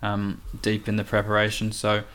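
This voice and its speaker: Male racing analyst, fairly low and monotone, casual but halting delivery. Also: clear, resonant tone. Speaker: racing podcast tipster.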